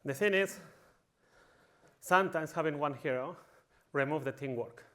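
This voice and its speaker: His voice is slightly high and sharp, at a moderate pace, as the Spaniard jokes his way through a conference talk. He has a Spanish accent and plays up a tongue-in-cheek villain act.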